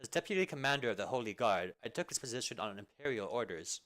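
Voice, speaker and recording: A man voicing a strict female deputy commander who speaks with slow, clipped, menacing calm. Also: medium pitch, close to an everyday voice. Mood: stern. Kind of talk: amateur video game fan dub.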